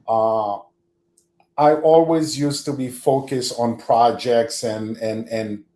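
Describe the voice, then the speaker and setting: Slow, reflective Haitian-born man. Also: medium pitch, steady tone, dark tone, reverberant. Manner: slow, reflective, chuckles often. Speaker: guest. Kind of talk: podcast interview.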